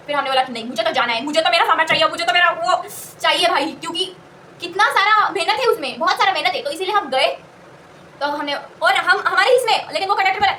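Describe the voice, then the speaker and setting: A woman's voice: very high-pitched, pushed and bright, distant mic, slight background noise. A young woman telling a casual story, rambling and correcting herself as she goes. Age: young adult. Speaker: college student telling a story.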